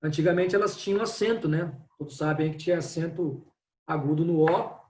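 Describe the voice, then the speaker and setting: A man's voice: on the high side, brisk, darkish tone. A man teaching an online Portuguese class who explains step by step and often checks in with his students. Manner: explanatory, repeats "né?" and "pessoal". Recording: echoey room, distant from mic.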